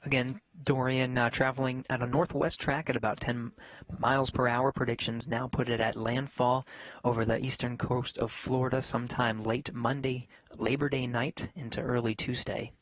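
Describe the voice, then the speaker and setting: A man giving live space mission commentary in a measured, factual announcing manner. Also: medium pitch, flat delivery, a bit bright, dry recording, rough recording.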